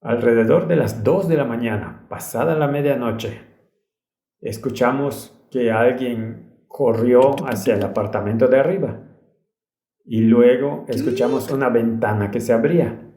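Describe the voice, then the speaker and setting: A man's voice: medium pitch, unhurried, warm tone. A man preaching a sermon, telling a story in an earnest and urgent way. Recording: roomy echo.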